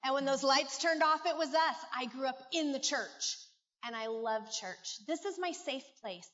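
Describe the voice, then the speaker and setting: A middle-aged woman from California, United States, gives a candid, heartfelt personal testimony to a church audience. Her voice sits high and a bit bright at a moderate pace, though the recording is muffled and echoes through a large hall.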